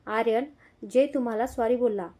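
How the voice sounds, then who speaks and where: A woman's voice: fairly high pitch, fairly even intonation, normal speed, dark tone, close to an everyday voice. A woman voicing a determined young wife who speaks firmly and directly in a read-aloud story. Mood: calm. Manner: firm, direct. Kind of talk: audio story reading.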